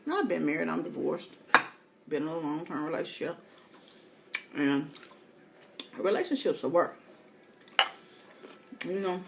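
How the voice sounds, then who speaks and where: Casual female mukbang vlogger, lowish voice, candid storyteller talking between bites, faint dish clatter in the recording. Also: expressive, measured pace, gravelly, pauses often, a little mellow, a little hiss or hum. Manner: eating as she talks. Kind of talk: casual chat while eating.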